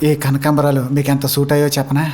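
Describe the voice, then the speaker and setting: A man in a dubbed film comedy scene, pleading fearfully and then mocking with quick, excitable delivery. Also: medium pitch, slight background noise. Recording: film soundtrack with music behind.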